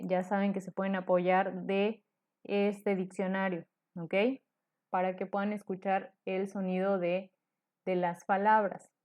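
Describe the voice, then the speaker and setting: A woman takes her students through a lesson at an unhurried, deliberate pace. She explains each point patiently and keeps checking in with a quick "ok?". Her voice sits at an ordinary middle pitch. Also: darkish tone. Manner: slow, patient, asks "ok?" after nearly every phrase. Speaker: English teacher.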